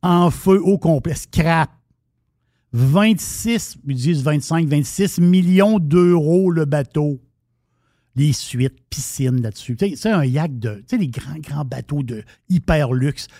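Québécois guy on radio, kinda high voice, dry studio sound, rambling story. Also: slow, no echo. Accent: Québécois French. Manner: storytelling, animated, many restarts. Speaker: radio show co-host. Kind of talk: casual radio banter.

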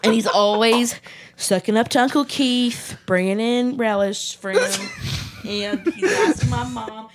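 With a crowd audible behind her, a woman speaks slightly slowly in an animated, higher-pitched voice. She's an improv performer being interviewed in character as a ditzy young lifeguard from Texas, gossiping, rambling, and breaking into giggles mid-sentence.

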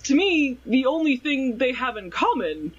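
A man's voice: very high voice, sing-song, moderate pace, breathy edge. A man co-hosting a podcast in casual chat, rambling and sarcastic. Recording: slightly dull lo-fi recording.

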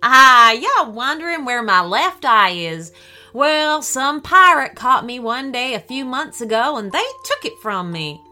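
A woman voicing a cheeky, friendly young boy shark who talks loudly with a drawl. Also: high voice, big pitch swings, unhurried, faint music behind, voice pushed up, heavily acted. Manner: loud, drawling, joking.

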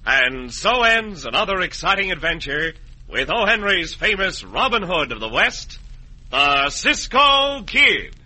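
A man's voice: high-pitched, big pitch swings, a little slow, bright, forceful tone, low-quality recording. A man announcing in a polished, declamatory old-time radio style. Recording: old radio recording with organ music. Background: organ music.

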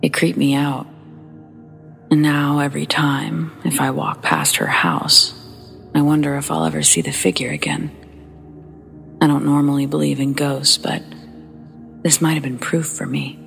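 A woman hosting a show of listener ghost stories, reading them in a hushed, partly whispered storytelling voice with faint music behind her. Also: low voice, expressive, a little slow, gravelly, pauses often. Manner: soft, partly whispered delivery.

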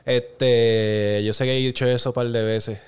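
A man's voice: medium pitch, little pitch movement, unhurried, darkish tone, clear, resonant tone. A man with a Puerto Rican accent, a podcast co-host who tells stories in slangy casual chat and swears often.

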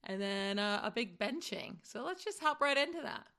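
A woman hosting a sports podcast in casual chat, slightly hoarse, talking quickly with lots of "like" fillers. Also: a little high, lively intonation, very noisy. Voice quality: chatty, quick, many "like" fillers. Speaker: podcast host.

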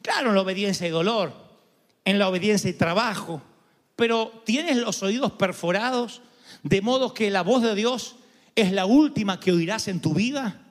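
Argentine male pastor, high voice, lively sermon delivery with playful imitations, big echoing hall. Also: normal speed. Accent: Argentine Spanish. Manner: animated, imitates voices and goose honks for humor. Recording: long hall reverb.

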